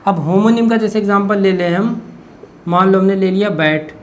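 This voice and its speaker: A man's voice: sits high, fairly even intonation, normal speed, a little hiss or hum. A man teaching an exam-prep lesson, explaining step by step and asking questions he answers himself. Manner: explains step by step, keeps asking "what is it?" and answering, frequent "okay".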